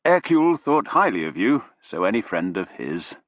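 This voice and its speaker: A man voicing a Corsican businessman in his fifties, with a Corsican accent and slow, deliberate explanations. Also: lowish voice, sing-song, a bit bright, dry recording. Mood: measured.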